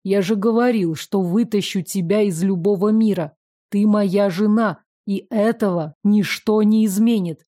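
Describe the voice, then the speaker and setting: A protective storybook husband, calm and firm, read by a woman. The voice sits a touch lower than the narration, and it is heard close and dry with no room sound. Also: measured pace, dry recording, lightly acted. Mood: tender.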